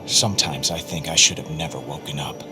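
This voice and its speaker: An actor playing a brooding, guilt-ridden soldier turned hero in a video game, weary but loyal, with a grave, understated delivery. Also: male voice, a bass voice, fairly quick, music in the background. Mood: haunted, regretful. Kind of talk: cinematic video game acting and narration.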